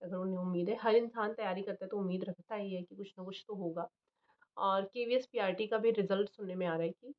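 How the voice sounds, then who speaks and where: A young woman chatting casually about exam results, thinking aloud with fillers and restarts. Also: medium pitch. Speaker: channel host, teaching job aspirant. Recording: slightly dull lo-fi recording.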